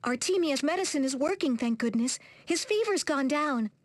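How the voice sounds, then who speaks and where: A woman voicing a gentle, polite young French-speaking heroine in a video game, expressive in her delivery. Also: high-pitched, moderate pace, no room sound. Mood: caring, relieved. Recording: game dialogue over prominent music.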